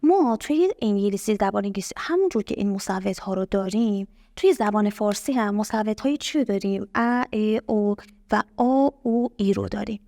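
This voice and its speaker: A young adult woman teaching an English lesson, patiently asking the class questions and repeating words slowly to show their syllables. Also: mid-range voice, mellow, dry recording, clean studio sound. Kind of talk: explaining a language lesson.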